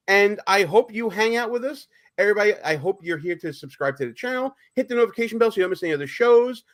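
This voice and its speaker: Brooklyn accent guy hosting a live politics show, chatty n salty, high voice that bounces around. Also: expressive, quick pace. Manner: chatty, profane, informal. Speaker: talk show host.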